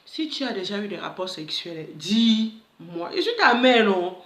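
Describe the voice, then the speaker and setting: A woman voicing a stern, worried middle-aged mother who quietly questions her daughter. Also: mid-range voice, big pitch swings, unhurried, echoey room. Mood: pressing.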